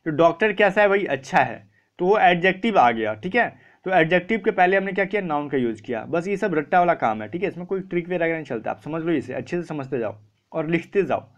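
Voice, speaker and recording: High-voiced Hindi grammar teacher, dull recording. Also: male voice, lively intonation, fairly quick. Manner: asks students questions and answers them himself, often says "ठीक है". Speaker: English teacher for exam prep. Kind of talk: classroom lecture.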